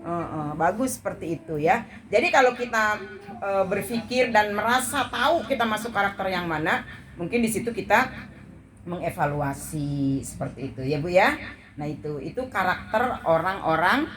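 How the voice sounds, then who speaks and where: Woman leading a women's group talk: playful, teasing, always questioning the listeners. Animated delivery, noticeable background noise. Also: mid-range voice, normal speed. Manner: playful, quizzes the listeners and jokes. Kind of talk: informal talk to a live audience.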